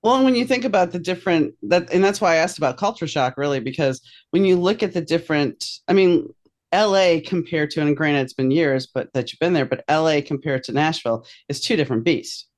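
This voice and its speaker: A woman's voice: low-pitched, fairly quick, a little mellow. A woman from New Orleans hosting an interview, chatty and asking long, winding questions. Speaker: podcast host. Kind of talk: casual interview chat.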